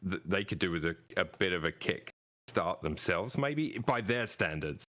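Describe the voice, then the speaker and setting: A man's voice: low-pitched, expressive, normal speed, bright, forceful tone. A man co-hosting a casual football podcast, easygoing, with stammering restarts.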